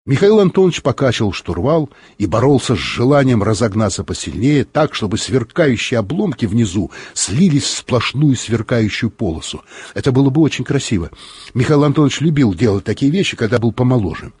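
A man reads a story aloud in an expressive, animated way, with his pitch moving freely through the lines. His voice is husky and breathy. The recording is close and completely dry. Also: fairly quick, dry recording. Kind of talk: audiobook narration.

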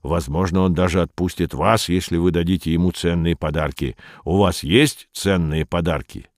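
A man giving voice to a pompous alien captive who speaks slowly and weightily. The voice is deep and low, with a dry, close sound and no room around it. He talks like someone who thinks himself important. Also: steady tone, no echo. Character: alien male prisoner, pompous and fawning.

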